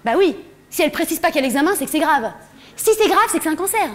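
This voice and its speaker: Brash high-voiced woman doing stand-up. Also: lively intonation, fast. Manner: brash, crude, exasperated rants. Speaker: stand-up comedian. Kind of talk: live stand-up comedy. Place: large concert hall stage. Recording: noisy live theater recording.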